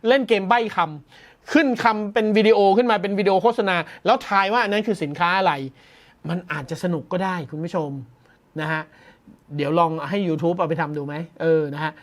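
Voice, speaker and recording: A male tech news host talks through the story in a loose, conversational way. He sounds amused and chuckles often, slowing down when he reads out technical terms. The delivery is casual and reactive, not scripted. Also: high voice. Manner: chatty and amused, laughs often, mock-shouts.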